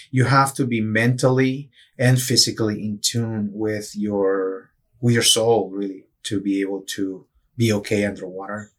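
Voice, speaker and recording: A middle-aged man from Peru, a neurosurgeon guest in an interview, explaining things earnestly with frequent restarts. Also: medium pitch. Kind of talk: interview answers.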